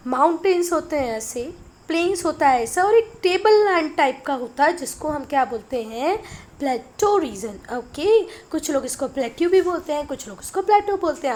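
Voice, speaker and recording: A woman's voice: high-pitched, darkish tone. A woman with an Indian English accent teaching a class, switching between English and Hindi, who calls the students "beta" and keeps checking in with "okay?". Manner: reads English definitions slowly, explains in quick Hindi. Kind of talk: online class lesson.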